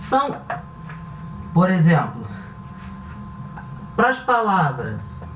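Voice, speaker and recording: Patient Brazilian teacher in an echoey room. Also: male voice, sits high, wildly swooping pitch, a bit bright. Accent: Brazilian Portuguese. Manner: slow, patient, spells out syllables and repeats examples. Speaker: Spanish teacher. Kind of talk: classroom lesson at a board. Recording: roomy echo from a distant mic, faint background hum.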